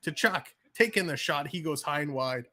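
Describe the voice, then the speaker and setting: A man from around Toronto, speaking with a Canadian accent, runs a livestream of casual play-by-play and chats with his viewers. His voice sits on the high side, expressive, bright and forceful at normal speed. He's chatty, reads chat aloud and laughs readily.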